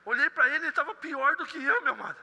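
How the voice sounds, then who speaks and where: A man preaching a sermon at a church service, moving from a told story to impassioned, shouted preaching. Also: very high-pitched, quick pace, creaky, in a large hall.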